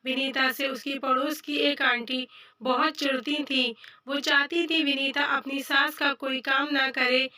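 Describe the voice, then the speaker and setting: A woman narrating a family story in a steady, plain reading voice. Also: high voice, far from the mic.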